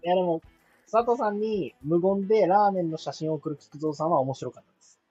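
A woman co-hosting a casual online radio chat, dropping quick dry quips. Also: on the low side, mellow, dull audio, soft background music.

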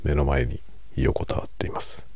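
A middle-aged man talks softly and casually over a late-night drink. His voice is extremely deep and husky, recorded close and dry. He muses without hurry and gently puts himself down. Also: no echo. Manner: hushed, unhurried, musing, self-deprecating; relaxed monologue while drinking alcohol. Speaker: streamer.

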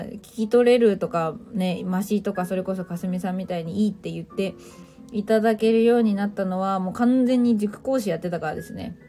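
A woman's voice: mid-range voice, dark tone. A woman hosting a casual livestream, chatting playfully, teasing listeners as she reads their comments and mixing in English phrases. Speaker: livestream host.

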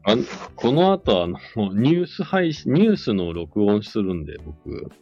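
Lively, low-voiced male radio host, lo-fi. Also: unhurried, creaky. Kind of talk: casual live chat. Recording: dull lo-fi audio, faint music behind. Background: faint music.

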